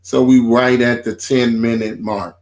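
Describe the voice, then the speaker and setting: A man co-hosting a faith talk show, speaking informally and building his points slowly with repeated phrases, in a casual preaching tone. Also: mid-range voice, fairly even intonation, a little mellow.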